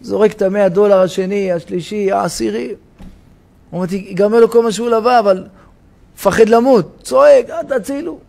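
High-voiced rabbi preaching. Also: male voice, fairly even intonation, gravelly. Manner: dramatic storytelling, shouting the parable's cries for help. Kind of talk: sermon. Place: synagogue.

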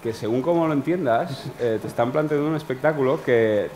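A man's voice: mid-range voice, fairly quick, a little hiss or hum. A man improvising an absurd comic monologue, rambling, swearing often and trailing into restarts. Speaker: comedian. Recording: echoey live venue with a loud crowd. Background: crowd laughter and ambience.

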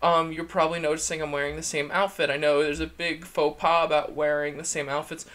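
A man with a campy, chatty drag queen manner, giving a casual, gushing video review in a creaky voice. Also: a little high, flat delivery, brisk, fairly bright tone. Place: indoor room, seated at a desk.

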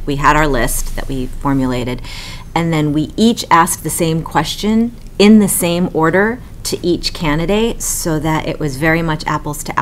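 A woman's voice: deep voice, a little hiss or hum. A woman on a city committee explaining procedure step by step in a meeting in a conference room. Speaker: city council member on a committee. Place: conference room around a large table.

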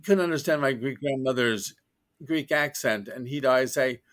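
During a casual interview chat, a man who is a guest science fiction author shares wry, joking stories, frequently starting over. He has a medium-pitched, slightly bright voice and keeps a moderate pace.

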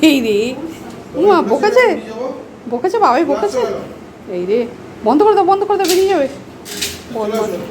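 A woman filming her dog at home, talking to it in a high sing-song baby voice, playful and lively, with a Bengali accent. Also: brisk, pauses often, a crowd in the background. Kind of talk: casual home video talk to a pet. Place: apartment home, indoors.

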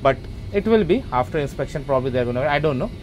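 A man's voice: medium pitch, animated, quick pace, a little mellow. A man casually narrating a walkthrough of his basement renovation, rambling with many fillers and restarts, filmed on a handheld camera. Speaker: homeowner vlogger. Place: unfinished basement, later outdoors in a stairwell. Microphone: handheld or body camera, first-person view.

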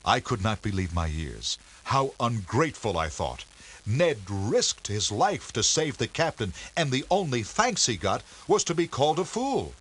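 A man giving measured, scripted storybook narration for an educational game. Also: medium pitch, very animated, a bit bright, husky, heavily acted.

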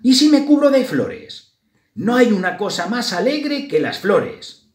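A storyteller voicing a gentle young girl mouse for a children's storybook reading. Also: medium pitch, sing-song, measured pace, pitched above the performer's own voice. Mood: hopeful. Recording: roomy echo.

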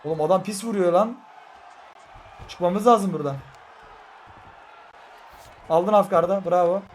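A young man with a high-pitched voice narrates a fighting game as he plays it, veering between tense muttering and sudden frustrated shouts. A faint crowd and game noise sit behind him. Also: measured pace. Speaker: gaming streamer. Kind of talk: live gameplay commentary.

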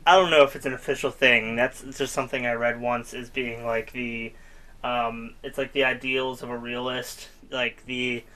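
A young man talks through a story game in a loose, rambling way, poking fun at himself as he goes. His voice sits at an ordinary middle pitch. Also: level tone, sharp tone. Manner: rambling, self-mocking, quick laughs. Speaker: gaming YouTuber. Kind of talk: casual let's-play commentary.

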